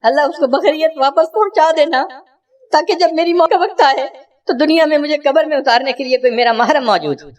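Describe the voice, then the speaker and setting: A man's voice: very high voice, recorded from a distance, pitched above the performer's own voice. A man voicing a frail, loving old blind mother, speaking in a pleading, prayerful way within a sermon story.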